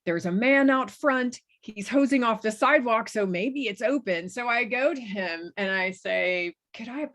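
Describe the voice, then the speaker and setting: Author guest, woman from West Texas, somewhat high pitch, animated anecdotal storyteller. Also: a little slow, few pauses. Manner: lively, animated storyteller who laughs while telling.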